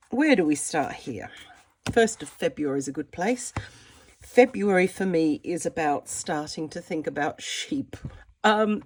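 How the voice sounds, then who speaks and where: Croaky middle-aged woman with a cold, lowish voice. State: has a cold. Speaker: art vlogger, mixed media artist. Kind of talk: casual chatty sketchbook walkthrough.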